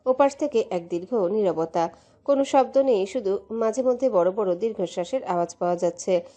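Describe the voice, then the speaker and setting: A woman narrating a romantic audio story in an emotive, steady way. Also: mid-range voice, normal speed, soft background music.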